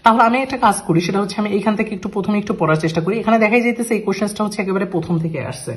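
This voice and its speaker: Fast-talking male IELTS tutor. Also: high-pitched. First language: Bengali. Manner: switches between Bengali and English terms, reads English phrases slowly. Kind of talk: screen-share lesson walkthrough.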